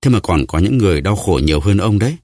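A man voicing a calm, unbothered male bandit chief in an audiobook. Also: low voice, quick pace, no echo, studio quality. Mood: cool.

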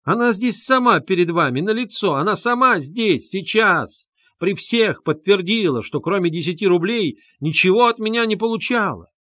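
A shrill, scornful middle-aged man, as a male reader puts him on snaps and shrieks with haughty fury. His voice is pushed high and loud, and the sound stays dry and close in a storybook reading. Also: lively intonation, moderate pace, no echo.

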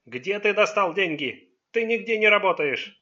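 A man's voice: on the high side, slow pace, pushed and bright, highs cut off, heavily acted. A man doing a stern, proud father. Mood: angry. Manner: stern, commanding. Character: stern immigrant father, proud, easily angered.

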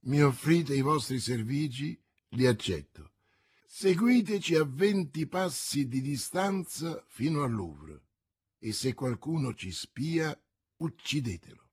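A man doing a husky, commanding foreign duke. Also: medium pitch, animated, takes it slowly, no echo, studio quality.

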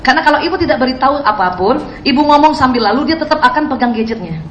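A woman's voice: high-pitched, expressive, fast, reverberant, lo-fi sound, slight background noise. A woman preacher giving a sermon to women, often putting questions to her listeners. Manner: questions the audience. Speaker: Islamic preacher.

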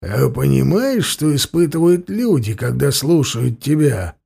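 A man playing a grim warrior interrogating a captive, his voice low-keyed, quiet and even, each word slow and deliberate. A gravelly, dark edge makes the calm feel threatening in this audiobook story. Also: exaggerated voice. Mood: cold.

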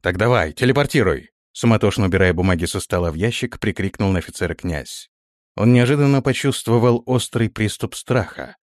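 Low-voiced male audiobook narrator. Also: a little fast, dry recording, clean studio sound. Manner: steady storytelling with voiced characters. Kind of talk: scripted fantasy narration.

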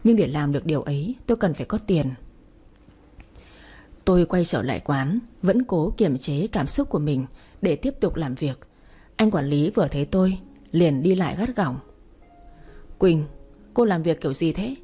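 A woman's voice: low voice, lively intonation, normal speed, mellow, breathy edge, faint music behind. A woman narrating an audio story in the first person, in a tense, emotional reading.

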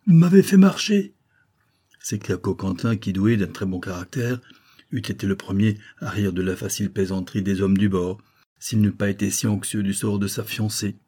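Male audiobook narrator, low and husky. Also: flat delivery, moderate pace, warm tone. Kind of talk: scripted narration.

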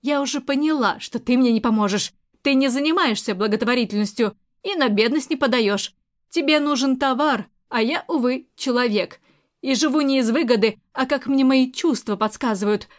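A woman's voice: high voice, normal speed, natural voice. A woman reading the part of a young provincial woman who answers earnestly and defensively.

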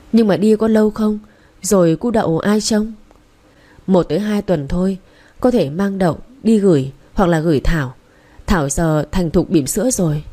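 A woman reading the lines of a calm, patient young man who tutors and explains things step by step, in an audiobook. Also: on the low side, natural voice. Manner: patient, instructive.

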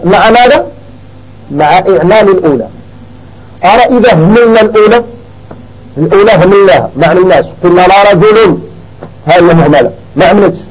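Husky Moroccan man teaching grammar. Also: high voice, low-quality recording. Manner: explains step by step, asks the class questions and answers them. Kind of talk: Arabic grammar lesson.

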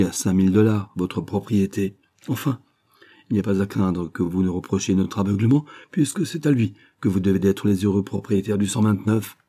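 A man voicing an effusive, flattering middle-aged male bank sub-director in an audiobook reading. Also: fairly low pitch, natural voice. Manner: gushing, emphatic, flattering.

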